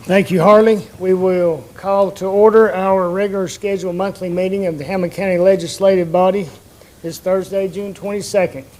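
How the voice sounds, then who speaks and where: A man's voice: sits high, fairly even intonation, moderate pace, a little mellow, rough recording. A man chairing a public meeting in a courteous, formal, procedural way. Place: indoor commission meeting room. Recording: faint background noise.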